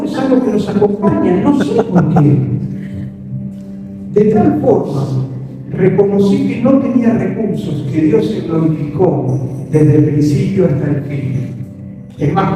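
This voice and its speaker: A male pastor with a Rioplatense Argentine accent preaches in a large church hall, telling his story with fervor and climbing to excited peaks. His voice sits very high for a man yet sounds dark and mellow. It is caught from a distant mic, with a long, booming echo. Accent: Rioplatense Argentine Spanish. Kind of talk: sermon.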